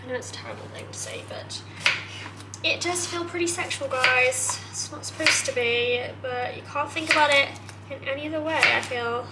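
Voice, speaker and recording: A woman's voice: high-pitched, normal speed. A young woman chatting casually while she cooks, self-deprecating and swearing offhandedly, filmed on a camera set on a kitchen counter. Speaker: vlogger. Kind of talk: casual vlog chat while cooking. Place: home kitchen. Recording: echoey kitchen with loud background noise.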